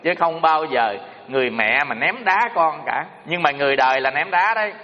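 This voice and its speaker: A man delivers a homespun moral talk to an audience, circling back on his words with plenty of fillers. His voice sits a little high for a man. The recording is dull and lo-fi, with a long reverb hanging around him. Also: lively intonation, normal speed. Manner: homespun, repetitive, full of fillers. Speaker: speaker addressing an audience. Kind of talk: moral talk with folksy storytelling. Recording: dull lo-fi sound in a reverberant hall.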